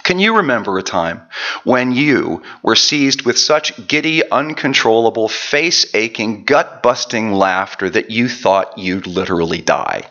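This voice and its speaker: A man's voice: fairly low pitch, animated, a little slow, bright, forceful tone, dull audio. A man preaching a sermon and telling a personal story with self-deprecating, chatty asides. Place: church.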